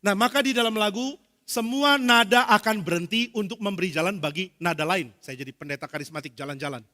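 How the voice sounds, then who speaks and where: A man's voice: high voice, a little fast, bright, forceful tone. A male pastor giving a playful, conversational sermon in a church sanctuary, acting out little scenes and singing notes as he goes. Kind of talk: lively sermon with illustrations. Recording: reverberant church hall, faint music.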